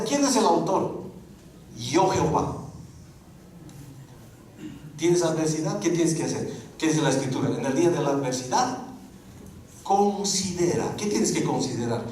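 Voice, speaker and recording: A man teaching a Bible course, lecturing a class with lively rhetorical questions. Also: on the high side. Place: school classroom. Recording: very echoey room, mic far off, faint noise.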